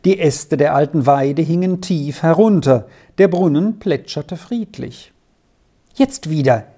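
A woman reading a children's novel aloud as an audiobook, with calm, measured storytelling. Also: deep voice, slightly rough. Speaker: audiobook reader. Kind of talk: scripted narration.

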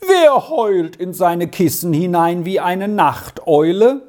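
Reader doing a furious shouting schoolboy bully. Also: high voice, lively intonation, slow pace, voice pushed up, exaggerated voice. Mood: shouting furiously. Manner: shouting, threatening. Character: furious bullying older schoolboy, hot-tempered. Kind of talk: audiobook reading.

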